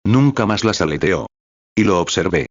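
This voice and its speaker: Deep male reader for a sermon, earnest and steady, dry and slightly dull sound. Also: moderate pace, no echo. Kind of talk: sermon read aloud.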